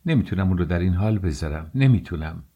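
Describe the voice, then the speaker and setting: Anxious tearful mother, pleading, male reader doing her, low and mellow. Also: animated, breathy edge, heavily acted. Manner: pleading, wailing. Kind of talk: audiobook character voice.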